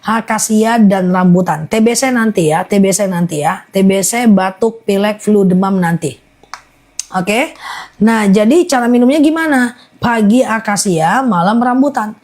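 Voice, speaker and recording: A woman running a live-stream sales pitch for honey, chatty and repetitive, rattling off long lists and checking in with viewers. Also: measured pace, darkish tone.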